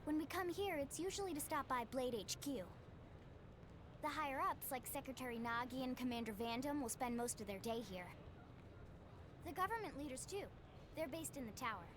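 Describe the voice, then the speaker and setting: A woman voicing a perky, eager young female mechanic in a video game, speaking with a bright, upbeat delivery. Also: sits high, animated, brisk, background noise.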